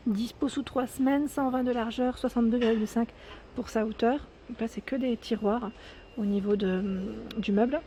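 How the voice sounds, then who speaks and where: Slightly high and warm, her voice keeps a fairly even intonation at normal speed, with a faint hiss or hum present. She's a shopping vlogger with a French accent, cheerfully reading prices and sizes during a casual walkthrough of a big indoor home improvement store.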